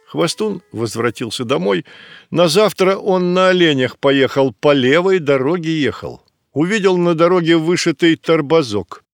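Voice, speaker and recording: A man reading a folk tale aloud in a measured, plain storytelling manner. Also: fairly high pitch, animated, vocal fry, no room sound, studio quality. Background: soft music.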